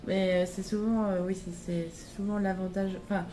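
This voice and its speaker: A young woman, a podcast guest, talking casually in a hostel and often pausing to search for words. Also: medium pitch, level tone, warm tone, slight background noise. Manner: hesitant, pauses to search for words. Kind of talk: casual conversation.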